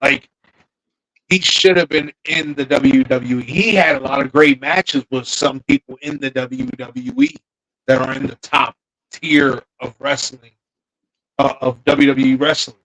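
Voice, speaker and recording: A man's voice: mid-range voice, measured pace, fairly bright tone, poor audio. A man co-hosting a casual podcast, thinking aloud, trailing off and restarting his sentences. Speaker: podcast co-host. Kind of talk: casual wrestling chat.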